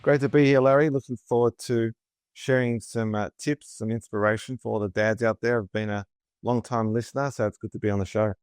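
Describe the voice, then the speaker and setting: A man in his late thirties or forties with an Australian accent, a podcast guest talking in a friendly, steady coaching tone. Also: medium pitch, brisk, smooth, no room sound, clean studio sound, soft background music. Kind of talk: podcast interview.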